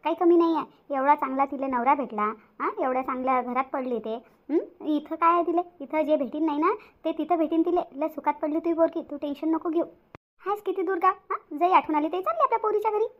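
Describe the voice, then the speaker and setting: A woman's voice: sits high, quick pace, highs cut off, close to an everyday voice. A woman voicing a chatty, bossy older village woman in a cartoon, talking in rustic dialect and often asking "hã?". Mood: consoling.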